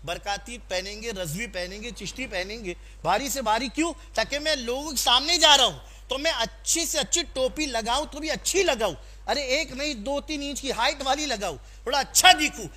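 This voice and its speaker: A man's voice: very high-pitched, few pauses, bright, forceful tone. A man preaching a sermon to a congregation, exhorting them, asking them questions and calling for responses, and mixing in personal stories. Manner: exhorting, asks the audience questions and calls for responses; tells personal anecdotes in a conversational tone.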